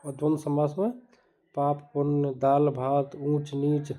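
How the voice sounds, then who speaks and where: A man's voice: on the high side, completely flat delivery, a little slow, mellow. A man teaching grammar in an exam-prep lesson, explaining step by step and repeating each term. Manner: explains step by step, repeating terms and asking the viewer to look.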